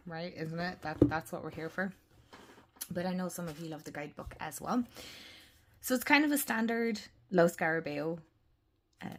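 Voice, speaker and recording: A woman with a slightly low, worn voice talks her viewers through a new deck. She is chatty and gushing, and she keeps slipping into soft whispered asides. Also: slight background noise. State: voice worn from illness. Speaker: tarot deck reviewer. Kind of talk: casual unboxing review.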